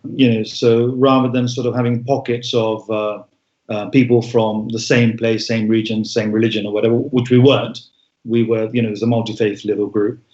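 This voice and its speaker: A man's voice: on the low side, flat delivery, normal speed, darkish tone. Reflective man in an echoey room. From Bangladesh. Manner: reflective, frequent ums and restarts. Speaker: guest. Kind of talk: interview conversation. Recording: echoey room, dull sound.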